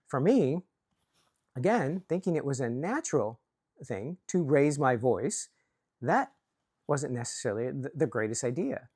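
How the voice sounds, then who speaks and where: A man's voice: on the high side, darkish tone, no echo, studio quality. A man from Chicago giving an earnest, self-reflective talk to camera about workplace leadership, often restarting his words. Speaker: leadership coach.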